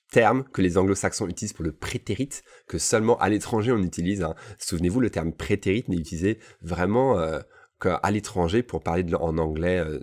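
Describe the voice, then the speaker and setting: Deep-voiced male teacher, bilingual lesson, casual and repetitive delivery, checks in often. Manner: explains in French, models English phrases slowly and repeats them; casual asides with frequent "d'accord?" checks. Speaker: English teacher.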